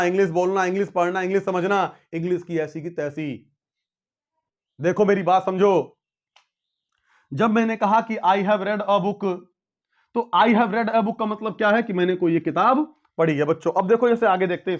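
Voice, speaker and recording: A man with a high voice teaches a grammar lesson, going over each point again and again and calling his students children. The recording is muffled and lo-fi. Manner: explains with repetition, addresses students as children. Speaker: English teacher.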